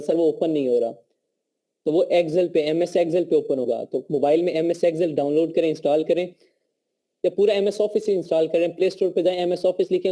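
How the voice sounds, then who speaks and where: This live online class lecture comes from a man with a Pakistani accent and a sore throat, his voice on the high side with a dark tone. He teaches conversationally over a call, pausing frequently to check in with students.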